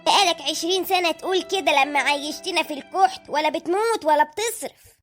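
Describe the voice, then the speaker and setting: A woman's voice: very high-pitched, fast talker, faint music behind. A woman voicing a nagging, put-upon wife and mother in an Egyptian cartoon, with an Egyptian accent and a whiny, pleading way of talking. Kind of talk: cartoon voice acting.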